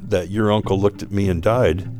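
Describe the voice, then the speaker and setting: An older man, a portrait artist, speaking slowly and quietly with heartfelt reflection in an interview. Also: on the low side, fairly even intonation, over music.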